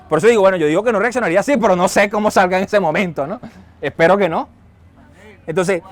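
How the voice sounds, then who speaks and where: A middle-aged Venezuelan pastor preaching with a high, bright-toned voice. He tells stories in an animated way and raises his voice sharply when he acts out a scene. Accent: Venezuelan Spanish. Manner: storytelling, animated, shouts when acting out a scene. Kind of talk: sermon.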